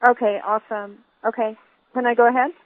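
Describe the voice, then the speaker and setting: A woman's voice: a little high, little pitch movement, a little fast, no room sound. An older woman giving firm, emphatic public testimony at a hearing, heard over a telephone speaker. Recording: tinny phone line.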